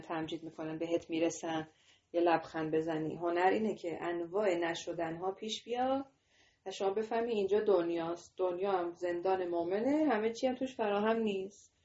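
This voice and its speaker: A woman's voice: lowish voice, darkish tone, lo-fi sound. A woman teaching a religious lesson to children on a video call. She talks straight to her students and asks them questions. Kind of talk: online class to children.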